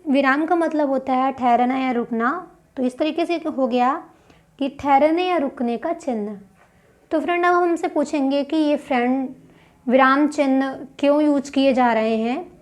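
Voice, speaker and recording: A woman's voice: sits high, normal speed, darkish tone. A woman teaching a grammar lesson for exam prep. She explains step by step and asks questions that she then answers herself.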